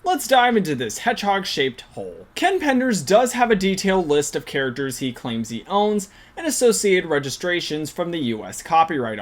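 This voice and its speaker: Animated video essay host, sarcastic asides. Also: medium pitch. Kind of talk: scripted commentary narration.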